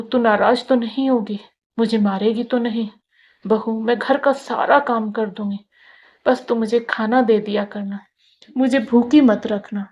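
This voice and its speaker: A woman's voice: a little high, a little mellow, husky, lo-fi sound. A woman voicing a frail, starving elderly mother-in-law who pleads fearfully and apologetically in a storybook tale.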